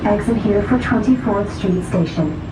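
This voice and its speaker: A recorded woman's voice making formal train announcements in a slow, measured way over a train loudspeaker. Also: mid-range voice. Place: inside an airport train car. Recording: echoey, distant, noisy train car. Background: loud train and rider noise.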